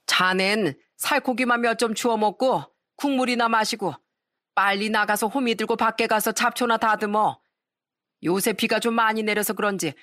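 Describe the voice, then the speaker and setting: A woman's voice: on the high side, fairly bright tone, dry recording, clean studio sound, natural voice. A scolding, scornful mother-in-law, as a woman puts her on. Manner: scolding, contemptuous, commanding.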